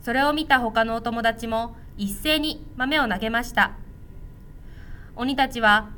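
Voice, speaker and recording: High, bright woman reading a storybook. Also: normal speed, a little hiss or hum. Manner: gentle, clear and instructive.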